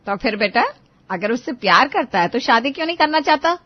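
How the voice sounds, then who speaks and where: Woman voicing a probing middle-aged mother, gentle, dull recording. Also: a little high, lively intonation, brisk. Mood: coaxing.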